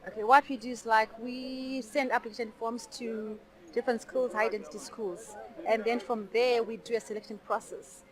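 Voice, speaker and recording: A woman's voice: a little high, fairly even intonation, normal speed, poor audio. Woman describing a selection process. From Zimbabwe. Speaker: charity representative.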